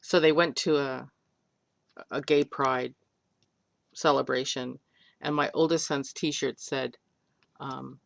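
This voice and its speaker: An older woman talks through a clay craft at her table, taking her time with an unhurried, drawn-out pace. Her voice has a gravelly fry to it, and she rambles and cracks jokes at her own expense as she works. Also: a bass voice, fairly even intonation, dry recording. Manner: rambling, joking, self-deprecating. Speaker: polymer clay artist teaching. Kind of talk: chatty craft tutorial. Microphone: webcam.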